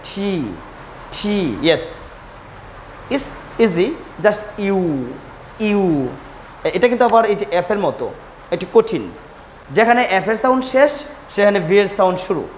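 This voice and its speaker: A woman's voice: mid-range voice, expressive, a little fast, a little hiss or hum. A woman teaching English pronunciation, repeating each letter sound and correcting common mistakes. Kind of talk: pronunciation lesson, drilling letters.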